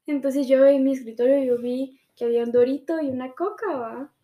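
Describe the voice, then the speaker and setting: A young woman chatting casually, telling animated stories and tagging her sentences with little questions. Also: high voice, a little fast, echoey room. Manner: animated storyteller, ends phrases with tag questions. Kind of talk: casual chat.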